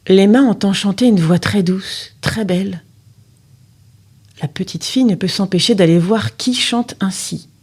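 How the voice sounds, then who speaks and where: A woman reading a children's story aloud with expressive, dramatic storytelling. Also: mid-range voice, husky.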